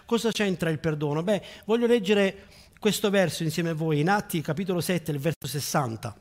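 A man preaching a sermon to a congregation, building to loud, fervent peaks and then dropping low and quiet. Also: brisk.

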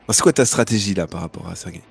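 A man's voice: low-pitched, very fast, creaky, slightly rough, soft background music. A man narrating as game master of a tabletop game in a loose, chatty way. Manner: loose, chatty, many fillers.

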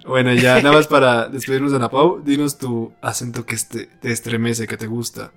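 A man with a Mexican accent hosting a casual podcast chat, relaxed and slangy, laughing easily. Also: medium pitch, brisk, gravelly, soft background music. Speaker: podcast host.

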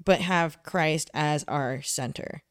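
A woman's voice: deep voice, takes it slowly, dry recording, clean studio sound. A young woman co-hosting a podcast, talking frankly and reflectively in casual chat. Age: young adult. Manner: reflective, frank, laughs easily. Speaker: podcast co-host.

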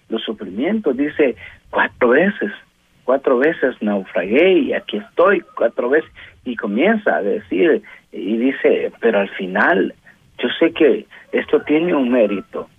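A man's voice: mid-range voice, very animated, measured pace, vocal fry, husky, no room sound. A man preaching a fervent radio sermon, calling his listeners brother and sister and firing off rising rhetorical questions. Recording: tinny phone-line radio sound.

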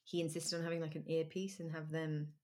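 Giggly chatty woman, lowish voice. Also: level tone, fairly quick, dark tone. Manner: chatty, giggly, trails off with ums. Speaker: podcast host. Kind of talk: casual chat about music.

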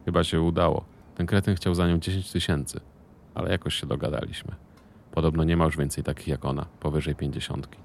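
A man voicing a cocky, short-tempered male business partner who talks loudly and mockingly and swears. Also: rumbling low, level tone, fairly quick, creaky, slight background noise.

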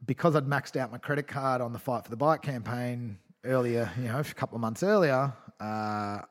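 A man's voice: mid-range voice, moderate pace. Man, 30s, mid-range voice; casual guest storyteller, loose and profane, laughs between bits. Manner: rambling, swears, laughs through the telling.

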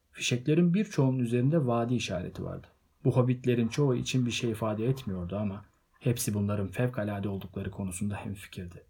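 A man reading a novel aloud as an audiobook narrator, in measured, steady storytelling. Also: mid-range voice, husky. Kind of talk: scripted literary narration.

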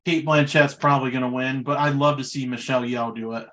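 A man co-hosting a podcast, chatting casually about movies in a relaxed way with loose fillers. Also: mid-range voice, fast. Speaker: podcast co-host.

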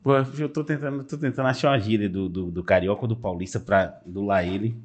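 A man's voice: lowish voice, quick pace. A man hosting a podcast, talking in a casual, earnest and reflective way with some joking. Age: adult father.

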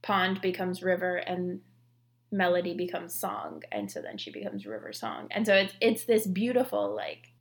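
Woman, podcast co-host, casual chat, creaky, gravelly, many "like" fillers. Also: on the low side, animated, moderate pace. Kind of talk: casual chat about scripture and fiction.

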